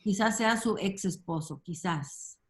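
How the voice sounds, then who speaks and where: A woman leads a relaxed Bible study group over a video call. She talks in an unhurried, gentle way and leans on little fillers as she goes. Her voice sits at an ordinary pitch for a woman. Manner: warm, unhurried, many fillers like "este" and "ujú".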